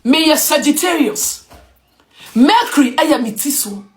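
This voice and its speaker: High-pitched Ghanaian woman commentator, very animated, emphatic English-Twi rant. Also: normal speed. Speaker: online commentator. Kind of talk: passionate opinion rant.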